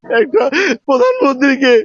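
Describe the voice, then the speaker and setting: A man's voice: very high-pitched, big pitch swings, moderate pace, fairly bright tone, no room sound, muffled recording. A man with a Bangladeshi accent giving an emotional mourning statement as a political leader, tearful and sobbing as he speaks. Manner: tearful, wailing sobbing delivery. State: crying. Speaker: political youth wing leader.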